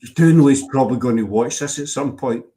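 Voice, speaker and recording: Mellow but fast-talking, this man has a mid-pitched voice and a Glasgow accent. He's a Scottish podcast host keeping things casual on his online chat show, where he teases and jokes with his guest and uses Scots words.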